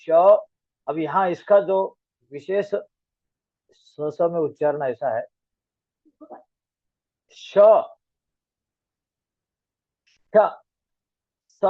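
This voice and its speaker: Man, grammar teacher, slow deliberate pace, tinny call audio. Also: fairly high pitch, no echo. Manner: slow, patient, spelling out letter sounds one by one. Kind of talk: online class lesson. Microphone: video call.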